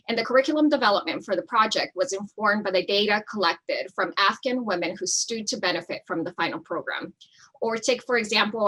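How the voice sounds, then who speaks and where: A woman from El Salvador delivers a prepared statement in a measured, steady way. Her voice is bright and a little husky, and she speaks over a video call. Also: mid-range voice, poor audio. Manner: measured, reading prepared remarks. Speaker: nonprofit founder, debate panelist. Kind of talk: prepared opening statement in an online debate.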